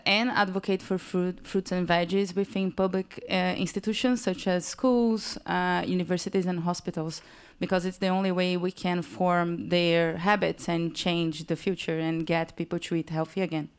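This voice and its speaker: A woman's voice: fairly low pitch, clean tone. Earnest woman from Brazil speaking up. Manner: earnest, advocating. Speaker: audience member. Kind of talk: audience comment at a conference.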